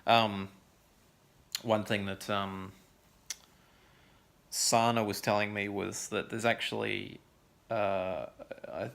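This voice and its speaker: Low, gravelly man rambling casually. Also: fairly bright tone. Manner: rambling, many ums and likes. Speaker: vlogger. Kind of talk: casual chat vlog.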